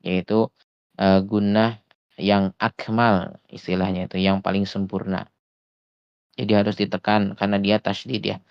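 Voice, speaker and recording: During an online Quran recitation lesson, a man speaks with a flat delivery in a low, resonant, smooth voice, patiently explaining and frequently slowing to model sounds, with pauses on small hesitations. Captured on a voice chat headset or desktop mic, the recording is dry, a bit dull and lo-fi.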